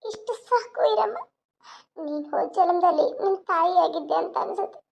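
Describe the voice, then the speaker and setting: A woman's voice: very high voice, moderate pace, gravelly, noisy background. A woman voicing a young mother and police officer, tearful and tender as she says goodbye. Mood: anguished. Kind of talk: cartoon voice acting. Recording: dull lo-fi sound.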